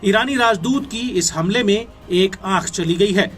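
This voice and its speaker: With an Indian accent, a man reads scripted news narration in an emphatic, formal newsreader style over background music. His voice sits high and fairly bright, and his pace is a little slow.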